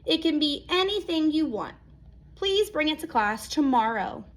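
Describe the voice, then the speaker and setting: A woman's voice: high-pitched, expressive, a little slow, pitched above the performer's own voice. A woman voicing a kind, patient female schoolteacher in a storybook, addressing her class encouragingly. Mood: kindly announcing.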